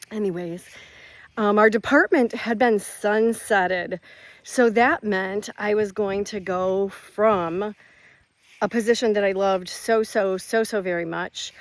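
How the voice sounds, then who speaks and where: A woman's voice: mid-range voice, no echo. A woman in her fifties, a retired teacher, chatting casually and rambling through a catch-up vlog while walking outdoors on her rural property.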